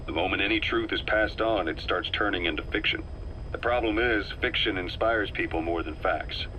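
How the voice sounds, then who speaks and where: In a video game, a hardened mercenary officer with a low, forceful voice briefs his commander, deliberate and emphatic in a military way, wry yet intense. His mood is grave and pointed. The recording is rough, with faint background noise.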